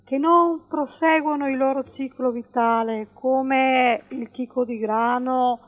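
Woman on the phone to a radio show, high voice, hesitant caller. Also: fairly even intonation, slow pace. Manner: hesitant, searching for words. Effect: over the phone. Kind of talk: call-in question. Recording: tinny phone line.

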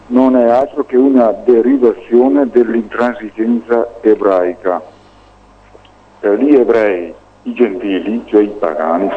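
A man calling in to a radio show over the phone, talking in a halting way, repeating words and tagging sentences with "no?". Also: on the low side, slight background noise. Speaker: radio call-in caller. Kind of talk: call-in opinion monologue. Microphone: telephone. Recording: tinny phone line.

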